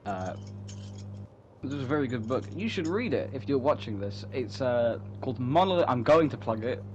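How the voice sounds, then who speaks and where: A writer promoting his own online story chats casually and rambles at a moderate pace, very animated at a medium pitch. He repeats and interrupts himself jokingly, swearing casually. The audio is muffled with a clear hum.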